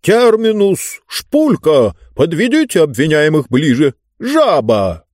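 A man voicing a skinny, loudmouthed male dictator who bellows commands at his prisoners. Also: fairly high pitch, huge pitch swings, slow pace, no room sound, studio quality, pitched above the performer's own voice, heavily acted. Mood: bellowing orders.

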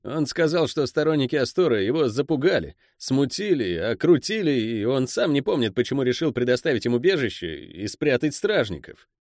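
A man's voice: medium pitch, very animated, brisk, hardly any pauses, darkish tone, no room sound, clean studio sound, voice pushed up. A man voicing an eager, deferential male henchman who keeps calling his boss master, in a raised voice. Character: Pel, wary fawning male henchman.

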